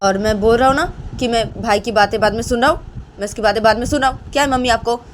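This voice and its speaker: A woman voicing a middle-aged father who firmly orders his family to be quiet. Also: on the high side, rapid-fire, slight background noise, pitched above the performer's own voice, close to an everyday voice. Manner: firm, commanding, repeats "theek hai". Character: stern middle-aged father defending daughter-in-law.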